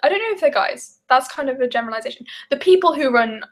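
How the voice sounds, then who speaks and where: Fast and lively in intonation, a young adult vlogger with a high voice and a Midlands accent chats away while baking on a live stream. She rambles from her English Midlands roots, peppering her talk with fillers and giggles.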